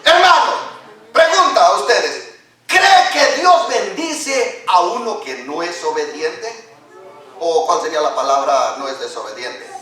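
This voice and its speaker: Male pastor, high lively voice, preaching from a distance in a reverberant church. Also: measured pace. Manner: preaches with sudden shouts and hushed asides, mimics other people. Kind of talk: sermon. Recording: echoey hall, mic far off.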